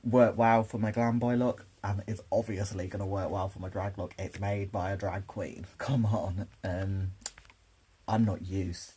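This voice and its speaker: Young guy half asleep, husky low voice, rambling makeup chat to his camera. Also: fairly even intonation, measured pace, dark tone, rough recording. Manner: rambling, self-interrupting, chatty. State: sleepy. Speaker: drag performer reviewing makeup. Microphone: camera mic.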